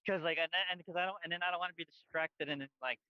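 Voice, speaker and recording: This podcast co-host has a noticeably high, smooth voice and talks rapid-fire in casual chat, piling up fillers and restarting sentences. He wears headphones outdoors by a busy street, and the sound is dry, dull and lo-fi with no echo.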